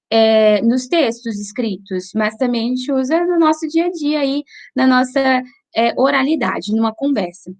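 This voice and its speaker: A woman with a high, light voice and a Brazilian Portuguese accent teaches an online review class. She explains things patiently, often checking in with her students. She sometimes slows right down to sound out syllables one by one.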